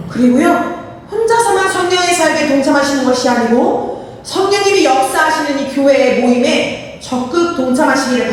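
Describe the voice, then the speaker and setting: High-voiced woman pastor preaching fervently. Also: slight background noise. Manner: fervent preaching with call-and-response. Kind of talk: sermon. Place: church sanctuary. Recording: echoey church hall from far off.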